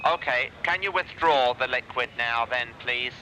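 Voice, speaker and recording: A man's voice: medium pitch, a little slow, sharp tone. A man directing an experiment from the ground over space radio, instructing politely and somewhat hesitantly. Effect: space radio transmission. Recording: noisy space radio link.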